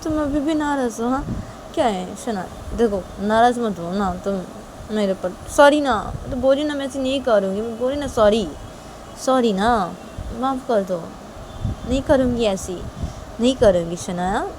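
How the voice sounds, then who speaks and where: Woman doing a high, pleading young woman, repeats herself, noisy room. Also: unhurried, lightly acted.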